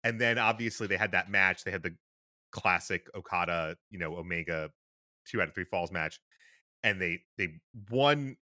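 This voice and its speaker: A man's voice: deep voice, moderate pace, sharp tone, no room sound, clean studio sound. A man co-hosting a podcast in casual chat, rambling with fillers and restarts. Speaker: podcast co-host.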